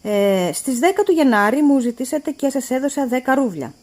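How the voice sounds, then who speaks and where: Lady doing a bossy stingy boss man, loud and preachy, voice jumping all over. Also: high voice, expressive. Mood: lecturing. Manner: loud, pointed, lecturing. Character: stingy, mocking male employer, middle-aged.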